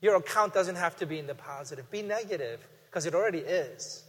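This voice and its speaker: A middle-aged man preaching a guest sermon in a conversational, animated way, with emphatic rises. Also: on the high side, a little fast, slightly rough. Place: church sanctuary. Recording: reverberant hall.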